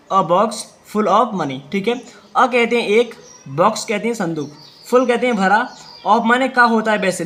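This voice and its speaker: A man, teaching English reading; he asks questions and answers them himself, reading sentences slowly word by word. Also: high-pitched, a bit bright. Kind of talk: Hindi-language reading lesson.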